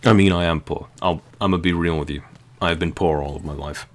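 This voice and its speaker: A man's voice: deep voice, fairly even intonation, brisk. A British man with a non-London accent, joking and laughing through casual game commentary. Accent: British, not London. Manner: joking, laughing, dry asides. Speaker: gaming channel host.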